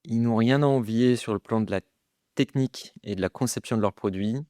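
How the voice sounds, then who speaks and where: Smooth-voiced French man, hesitant. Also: on the low side, brisk, mellow, no echo, studio quality. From France. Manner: hesitant, many fillers and restarts. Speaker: guest entrepreneur. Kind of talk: casual interview talk.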